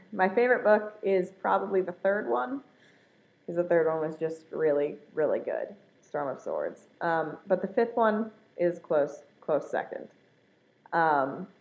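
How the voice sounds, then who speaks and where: A woman speaks in a slightly low register, in a casual, chatty style. She is hesitant and thinks aloud as she answers questions. The sound is dull and lo-fi, like a simple home recording.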